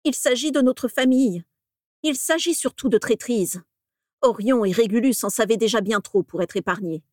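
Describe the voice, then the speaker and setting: A woman's voice: on the high side, normal speed, a little mellow, no echo, studio quality, natural voice. A woman voicing a cold, scheming old wizard patriarch in an audiobook reading, icy and contemptuous. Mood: stern.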